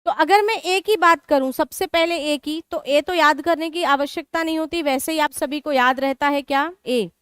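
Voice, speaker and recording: Woman teacher doing a live online class, really high voice, dry close sound, asks and answers her own questions. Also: moderate pace, hardly any pauses, a bit bright, no echo. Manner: asks students questions and answers them herself; mixes Hindi with English terms. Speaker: online exam-prep teacher.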